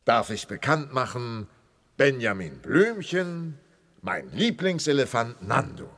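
A polite, formal maharaja in an audio drama. His voice rises and falls expressively and is a little husky. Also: medium pitch, very animated, takes it slowly, fairly bright tone, full character voice. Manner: formal, courteous. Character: polite, worried male maharaja.

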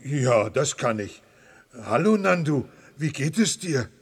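A good-natured talking elephant in an audio drama. He speaks slowly with a slightly husky voice and breaks into elephant trumpeting. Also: mid-range voice, sing-song, heavily acted. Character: kind, friendly talking elephant.

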